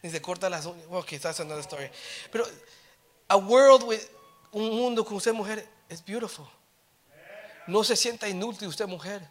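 A middle-aged male preacher giving a sermon, switching between Spanish and English, with joking asides and swells into loud, emphatic exhortation. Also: high voice, moderate pace, pauses often.

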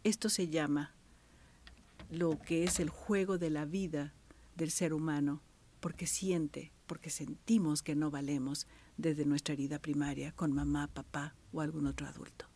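A middle-aged Mexican woman, a thanatologist, teaching a radio workshop, swinging between soft whispered asides and bright exclamations. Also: low voice, steady tone, unhurried, a little hiss or hum. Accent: Mexican Spanish.

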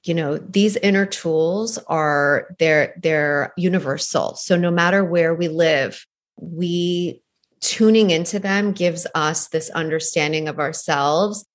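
Low-voiced woman, earnest and enthusiastic. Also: takes it slowly. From Iran, raised in Canada. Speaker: guest, founder of girls' empowerment program. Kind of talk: podcast interview.

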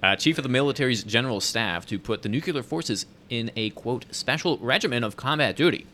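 A man's voice: mid-range voice, expressive, a little fast, sharp tone, slight background noise. A man co-hosting a casual chat, reading news headlines aloud and adding wry joking asides.

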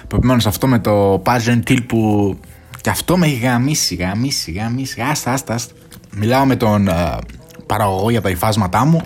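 A man's voice: on the low side, slightly rough. Slangy young man chatting solo. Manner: slangy and animated, mixing in English phrases and swearing. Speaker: podcast host. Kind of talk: casual solo chat.

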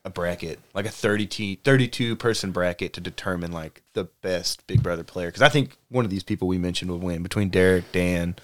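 A man's voice: deep voice, fairly quick, few pauses. A man co-hosting a casual podcast chat, joking around, swearing freely and laughing often. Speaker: podcast co-host.

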